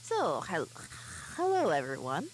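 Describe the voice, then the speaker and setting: Chatty woman streamer, lively low voice. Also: a little slow, slight background noise, low-quality recording. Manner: relaxed, chatty, greeting the viewers. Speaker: streamer host. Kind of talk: casual game stream chat.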